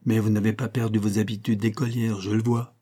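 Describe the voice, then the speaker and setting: A man reading the lines of a grave, reserved former tutor in a classic novel audiobook, his delivery measured and formal. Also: lowish voice, level tone, dark tone, close to an everyday voice. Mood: dry.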